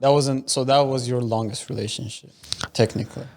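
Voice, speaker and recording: 20 yr old dude on a podcast, casual chat, pokes fun and asks stuff fast. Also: male voice, mid-range voice, steady tone, darkish tone. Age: 20s. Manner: teasing, quick questions and interjections. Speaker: podcast co-host.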